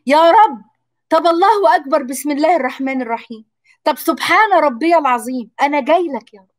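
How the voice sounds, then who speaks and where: A woman's voice: sits high, dry recording. A woman with an Egyptian Arabic accent giving a fervent, emotional religious talk, often repeating her phrases. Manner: fervent, emotional preaching with repetition. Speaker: religious speaker.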